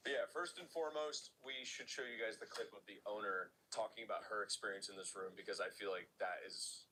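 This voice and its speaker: A man giving a house tour in casual, animated, jokey chat. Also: fairly low pitch, fairly quick, slight background noise. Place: inside an old house.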